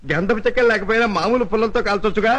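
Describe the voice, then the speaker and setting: A smug, mocking car owner. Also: male voice, high voice, rapid-fire, fairly bright tone. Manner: mocking, flippant. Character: smug, callous young male car owner. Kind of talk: film acting.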